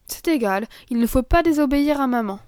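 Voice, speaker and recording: A woman's voice: high voice, lively intonation, brisk, darkish tone, no echo, studio quality, voice pushed up. Woman playing a sweet, earnest little girl. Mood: firm. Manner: earnest, tender. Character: gentle, sensible, obedient little girl.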